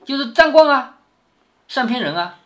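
Lively man explaining a story to his child. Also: extremely high pitch, normal speed. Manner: lively, keeps checking in with rhetorical questions. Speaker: father reading a classic novel to his daughter. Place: at home with his daughter.

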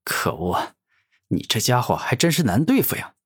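Man doing a deep growling monster villain. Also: very animated, normal speed, breathy edge. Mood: furious. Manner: growling angry threats. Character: arrogant furious male monster warlord.

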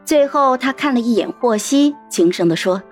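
Woman narrator, audiobook, scripted novel reading, lively melodic voice, somewhat high. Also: normal speed, faint music behind. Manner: expressive storytelling.

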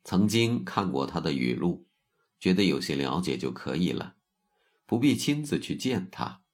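A man's voice: low voice, very animated, normal speed. A man reading a proud young monk. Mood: scornful.

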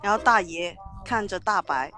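A woman's voice: medium pitch, moderate pace, bright, forceful tone. A woman taking part in a live-streamed party game, giggly and a little hesitant. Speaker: game player on a livestream. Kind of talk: casual chat.

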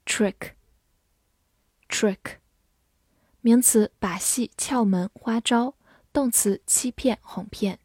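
A woman reading a vocabulary list slowly, saying each word twice before its meanings. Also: a little high, darkish tone, breathy edge, dry recording, studio quality. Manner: slow, deliberate, repeats each word twice. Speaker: vocabulary reader. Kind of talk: slow word-list drill.

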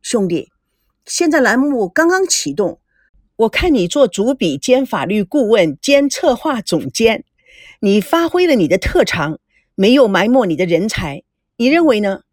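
A woman's voice: on the high side, very animated, a little slow, no room sound, clean studio sound. A woman doing a jovial big-brother businessman. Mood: genial. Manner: jovial and fond. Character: indulgent older brother, smooth businessman.

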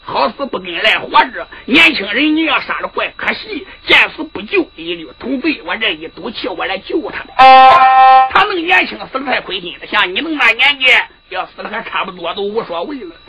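A woman storyteller voicing a bold, sharp-tongued young noblewoman warrior who answers back with quick retorts. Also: mid-range voice, sing-song, music in the background. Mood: defiant. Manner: pleading then cutting, quick retorts. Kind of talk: Henan zhuizi sung storytelling.

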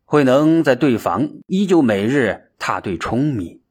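A male storyteller with a husky, mid-pitched voice narrates at a calm, measured pace. His telling is steady and even, as in a read-aloud story.

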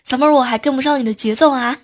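A woman's voice: high-pitched, steady tone, very fast, very noisy. A woman hosting a comedy show, telling funny everyday stories in a playful, teasing way. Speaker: host. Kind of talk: comic joke storytelling.

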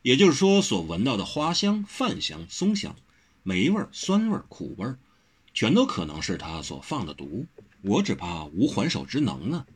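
A man voicing a gentle, self-deprecating young swordsman in a martial-arts story. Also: mid-range voice, wildly swooping pitch, normal speed, slightly rough. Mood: modest. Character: modest good-natured young male swordsman.

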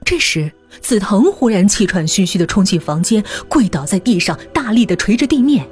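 A woman narrating a horror story in a hushed voice that often drops to a half-whisper. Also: mid-range voice, very animated, normal speed, soft background music.

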